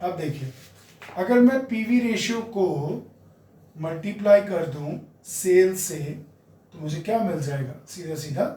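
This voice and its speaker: Slow Indian man teaching accounting. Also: high-pitched, darkish tone. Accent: Indian English mixed with Hindi. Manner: explains step by step, often checks in with "right" and "friends". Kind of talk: classroom lecture at a board. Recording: roomy, distant mic.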